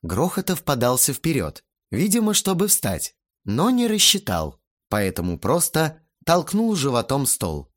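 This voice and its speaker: A man reading a novel aloud as an audiobook narrator, with lively, expressive delivery. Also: fairly high pitch, a little slow. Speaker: audiobook reader. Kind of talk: scripted narration.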